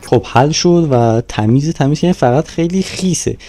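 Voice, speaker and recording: A young man talks casually to himself as he plays, cheerful and joking. His voice is dark and mellow. Faint game music runs quietly underneath. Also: on the high side, low-quality recording. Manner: playful, talks to himself while playing. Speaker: gaming YouTuber.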